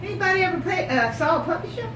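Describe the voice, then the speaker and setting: Her voice very high, a teacher reads a picture book to young children, stretching words expressively and posing questions. She echoes their answers back encouragingly, while the distant mic captures an echoey room and loud background noise.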